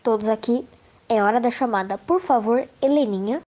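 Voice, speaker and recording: A woman's voice: fairly high pitch, moderate pace, darkish tone, close to an everyday voice. A woman playing a commanding, showy child who leads a horror club in a children's audio drama.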